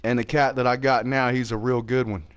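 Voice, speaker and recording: A man's voice: mid-range voice, little pitch movement, a little fast, clear, resonant tone. Laid-back, rambling man in his forties. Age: 40s. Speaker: streamer. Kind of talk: casual chat while gaming.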